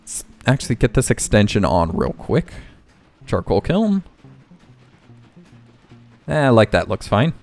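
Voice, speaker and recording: There's a sing-song quality to this man's rather low, somewhat dark voice, and he speaks a bit slowly with long pauses. He's casually narrating a let's play, talking through his thoughts and correcting himself over faint game music.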